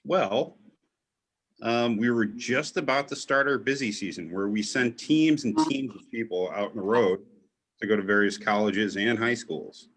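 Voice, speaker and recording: Low-voiced guy, easygoing, lots of ums, guest in an online chat. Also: a little slow, a bit bright. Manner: easygoing, with frequent fillers. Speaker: guest from an events company. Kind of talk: casual video-call chat.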